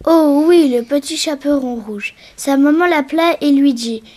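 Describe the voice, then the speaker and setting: Brief: high, playful woman telling a mixed-up children's tale. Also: dark tone. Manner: playful, deliberately muddled. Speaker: storyteller. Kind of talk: playful children's story reading.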